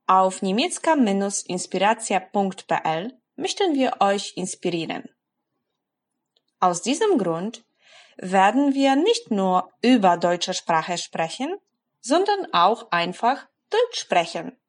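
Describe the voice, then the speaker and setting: Slow, careful woman. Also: mid-range voice, big pitch swings. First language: Polish. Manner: encouraging, careful, deliberate. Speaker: language teacher. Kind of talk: scripted language lesson.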